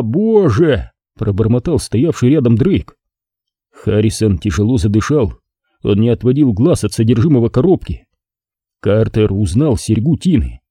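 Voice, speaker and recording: A man narrating a crime novel as an audiobook in a measured, expressive reading, close to the mic. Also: mid-range voice, breathy edge, no room sound.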